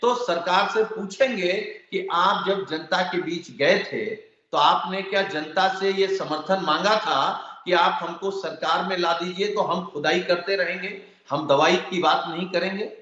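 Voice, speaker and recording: A man's voice: sits high, measured pace, pushed and bright. A man arguing as an opposition guest in a televised political debate, building his points through repeated lists. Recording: very echoey, dull remote feed.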